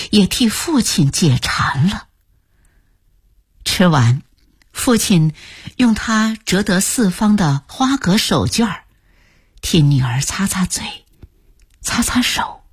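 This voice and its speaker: Slow, breathy woman telling a story. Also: medium pitch, no room sound, studio quality. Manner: slow, hushed reading that often sinks to a whisper. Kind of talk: scripted narration for a radio story program.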